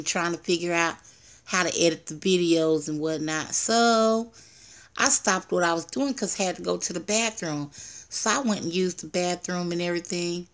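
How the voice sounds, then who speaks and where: An older woman chatting casually on a live stream at home through her tablet's built-in mic, rambling, greeting viewers and laughing at herself. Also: lowish voice. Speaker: livestreamer.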